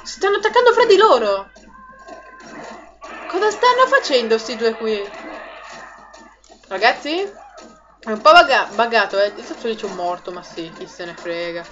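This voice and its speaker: A woman hosting a let's play, chatty and excitable, laughing often and talking to her viewers. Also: fairly high pitch, normal speed, pauses often. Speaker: gaming video host. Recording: lo-fi audio with game music behind. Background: game music.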